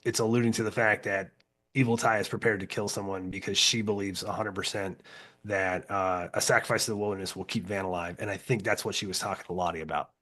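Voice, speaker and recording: A man with a lowish voice co-hosts a casual TV recap. He talks in a laid-back way, swears freely and fills his sentences with "uh" and "like". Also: fairly even intonation, quick pace, fairly bright tone. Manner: laid-back, profane, heavy with fillers. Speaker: podcast co-host.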